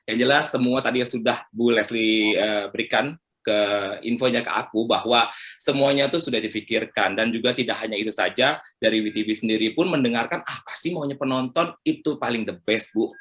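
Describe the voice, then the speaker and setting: Bright-voiced male event host. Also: medium pitch. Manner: upbeat, chatty. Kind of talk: hosting a virtual launch event.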